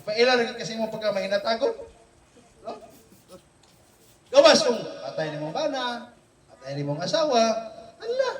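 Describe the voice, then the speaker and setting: A man with a high, light voice leads a family Bible study, animated and teasing, tossing "no?" at his listeners every few phrases. He sounds set back from the mic in an echoey room. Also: recorded from a distance. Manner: animated, teasing, keeps checking in with "no?". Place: home room with family gathered.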